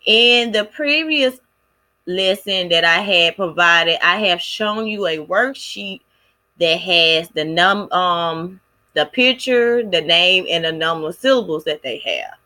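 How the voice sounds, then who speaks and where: Bright-voiced woman presenting a lesson plan. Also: lowish voice, expressive. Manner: casual, halting, with many fillers like "like" and "um". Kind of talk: recorded class presentation.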